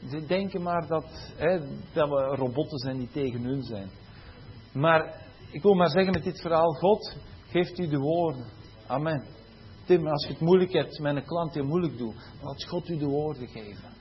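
A man speaks in a rather high voice, telling a church story in a loose, conversational way and playing the voices of his pupils as he goes. The recording is a little dull, with a faint room hum behind him. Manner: conversational, acts out quoted pupils. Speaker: teacher and preacher. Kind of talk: sermon testimony.

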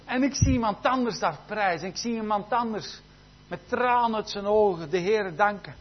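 A man preaching a sermon, often saying amen and hallelujah, shifting between loud fervent exclamations and quiet intimate passages. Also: normal speed. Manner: peppers speech with amen and hallelujah. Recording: dull low-fidelity recording with faint hum.

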